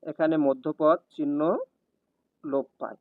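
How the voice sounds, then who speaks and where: Man, exam prep tutor, question-and-answer reading, steady cadence, higher voice, thin phone-like sound. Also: a little slow, no echo. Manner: reads each question then its answer in an even, steady cadence. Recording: tinny, dry, phone-like sound.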